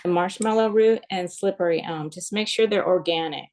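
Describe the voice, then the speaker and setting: Lower-voiced woman giving friendly advice. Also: normal speed, a little mellow. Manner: helpful, matter-of-fact. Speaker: group member. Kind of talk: casual advice in an online group.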